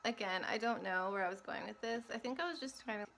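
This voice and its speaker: A woman's voice: medium pitch, fast talker, fairly bright tone, slight background noise. A young woman vlogger talking casually to camera, rambling and self-mocking, often laughing at herself.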